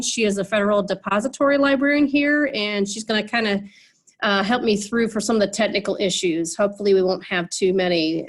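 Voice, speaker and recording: A woman with a medium-pitched voice moderates an online meeting on a video call. She sounds nasal from a cold and is chatty, with many fillers and restarts.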